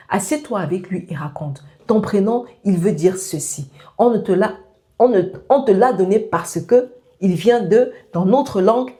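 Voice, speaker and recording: A woman's voice: mid-range voice, dark tone. A woman hosting a parenting channel, giving direct, step-by-step advice straight to the listener. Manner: direct, addresses the listener as "tu" with instructions.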